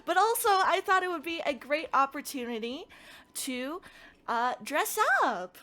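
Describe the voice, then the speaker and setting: A woman livestreamer chatting casually with her viewers in a playful, excitable gamer-girl manner. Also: high voice, measured pace. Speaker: livestreamer, host.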